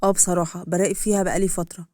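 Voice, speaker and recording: A man's voice: high-pitched, flat delivery, racing, mellow, no room sound, studio quality, natural voice. Woman voicing an earnest young Egyptian suitor. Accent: Egyptian Arabic. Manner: polite, earnest. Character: polite eager young male suitor.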